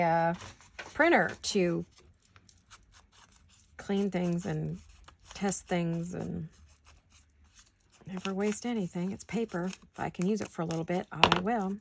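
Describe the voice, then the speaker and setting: A woman's voice: lowish voice, normal speed, gravelly, slight background noise. A woman hosting a crafting video, chatting casually and talking to herself as she works. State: hiccups. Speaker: crafting channel host. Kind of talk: casual crafting chat while working.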